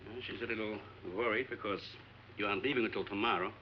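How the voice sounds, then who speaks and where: A man's voice: on the low side, fairly even intonation, quick pace, slight background noise, close to an everyday voice. An actor playing an older male scientist who hosts guests on an island, speaking in a formal, explanatory manner. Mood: earnest. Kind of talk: 1950s film acting. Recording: dull old film soundtrack with faint music.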